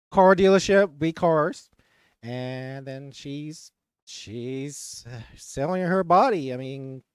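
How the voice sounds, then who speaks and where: A man reacting to a clip, his voice rising and falling widely as he drawls along at a slow pace. He giggles his way through loose, rambling thoughts. The sound is dry and close, with no room echo. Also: mid-range voice, clear, resonant tone. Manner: giggly and rambling, laughs often between words; mock-grand oratory voice. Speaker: reaction video host. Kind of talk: casual reaction commentary.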